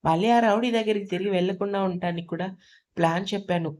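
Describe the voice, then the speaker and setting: A woman's voice: mid-range voice, quick pace, a little mellow. A woman narrating a romantic audio story, reading every character's lines in her own voice. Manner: reads all characters' dialogue in her own voice.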